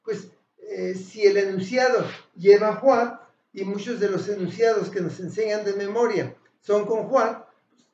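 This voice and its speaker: A man with a high voice explains a lesson at an unhurried pace, pausing often and correcting himself as he goes. He sounds like he is in an echoey room. The recording is dull and lo-fi. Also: darkish tone, slight background noise. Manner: slow, deliberate, with pauses and self-corrections. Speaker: English teacher.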